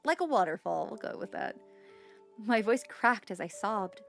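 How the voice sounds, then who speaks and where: A woman's voice: medium pitch, animated, normal speed, gravelly, soft background music. A woman streamer reading the text of a story game aloud, stumbling over unfamiliar words with light asides.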